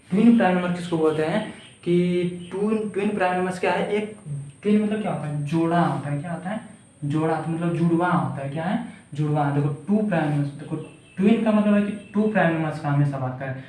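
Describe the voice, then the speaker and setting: A man's voice: a little high, brisk, a little mellow. Echoey, distant Hindi-speaking male math teacher. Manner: repetitive, asks questions and answers them himself; mixes English math terms into Hindi. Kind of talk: classroom lesson explaining math. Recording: echoey room, voice far from the mic.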